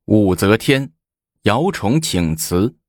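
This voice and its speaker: A man narrating a historical story in an expressive storytelling manner. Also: on the low side, slow, dry recording, studio quality.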